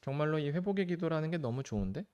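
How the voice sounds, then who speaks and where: A man's voice: on the high side, expressive, fast talker, darkish tone, muffled recording. A male pastor teaching in a live stream and taking viewers' questions, earnest and pleading, with sudden lifts of stress on key words.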